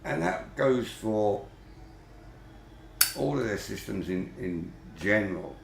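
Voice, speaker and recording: A man's voice: lowish voice, animated, takes it slowly, gravelly, reverberant, a little hiss or hum. A man giving casual running commentary while gaming, chatty and grumbling, with mild swearing. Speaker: vlogger.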